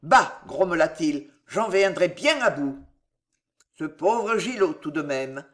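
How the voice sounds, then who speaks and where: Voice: mid-range voice, expressive, slow, a bit bright. A reader voicing a cruel, sinister old miser uncle who mocks and threatens his nephew. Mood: grumbling. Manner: mocking, menacing, laughs darkly.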